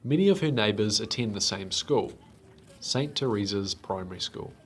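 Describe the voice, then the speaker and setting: A man giving calm, measured scripted narration for an educational documentary. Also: fairly low pitch, a little hiss or hum.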